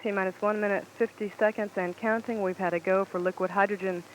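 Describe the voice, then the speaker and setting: A man's voice: high voice, fairly even intonation, fast talker. A man making a live countdown announcement in mission control radio style, as a launch commentator. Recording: noisy archival mission control radio feed.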